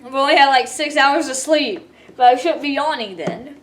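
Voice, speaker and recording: A woman's voice: sits high, normal speed, slight background noise. A woman telling a rambling gaming story in a sleepy, casual way, laughing often as she goes. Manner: rambling, laughs often, quotes others in voices. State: sleepy, yawning. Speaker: gaming vlogger.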